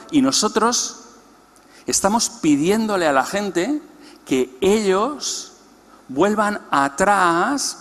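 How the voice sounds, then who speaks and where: At a church congress, a man with a high, fairly bright voice gives an explanatory teaching talk and puts questions to the audience. The recording carries a long hall reverb.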